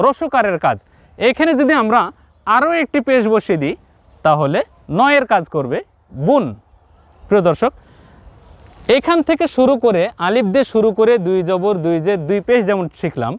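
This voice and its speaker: A man teaching Quran reading step by step, patiently repeating each sound slowly and addressing the viewers directly. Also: sits high, no echo. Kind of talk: step-by-step lesson.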